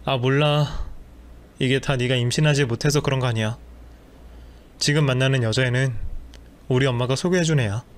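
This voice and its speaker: Man reading a cruel cheating husband, mid-pitched, scornful, dismissive, audio story. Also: steady tone, moderate pace, pauses often, close to an everyday voice.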